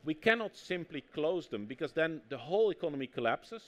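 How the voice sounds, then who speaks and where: A man with a Dutch accent, a native Dutch speaker, speaks at a fairly high pitch and a fairly quick pace. He's an author and anthropologist being interviewed on stage at a public talk, telling lively anecdotes and acting out quotes.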